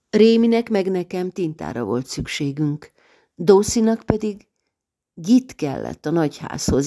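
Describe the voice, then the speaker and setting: A woman narrating an audiobook of a novel written as letters, reading dramatically and swinging from loud passages to near-whispers. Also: sits low, creaky.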